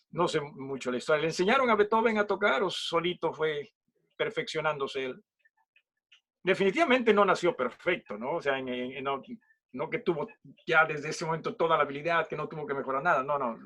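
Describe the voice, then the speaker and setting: A Peruvian pastor teaches a Bible study in a loose, conversational way, checking in with his listeners after almost every phrase. He is a man with a fairly high speaking voice. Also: sharp tone. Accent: Peruvian Spanish. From Peru. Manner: chatty, asks "¿no?" and "¿sí?" after nearly every phrase, jokes.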